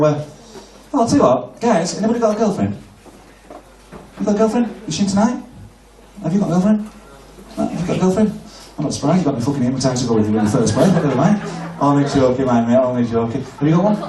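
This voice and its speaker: Bloke doing a rude comedy hypnotist act, voice jumps all over, loud crowd laughing in a big echoey room. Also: male voice, medium pitch, far from the mic. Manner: cheeky, crude banter with hypnotic patter. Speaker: stage hypnotist. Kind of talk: live comedy hypnosis show. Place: live venue stage. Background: laughing audience.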